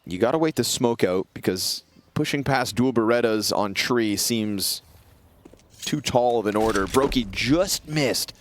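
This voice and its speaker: A man's voice: medium pitch, expressive, unhurried, a little hiss or hum. A man calling an esports match play by play, with dramatic, punchy caster delivery.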